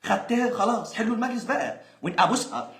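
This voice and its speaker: Fast, ranting Egyptian man. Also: high voice, big pitch swings, fairly bright tone, a little hiss or hum. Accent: Egyptian Arabic. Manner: exasperated, sarcastic, laughs mid-rant. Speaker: football fan vlogger. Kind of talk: angry ranting monologue. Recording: roomy echo.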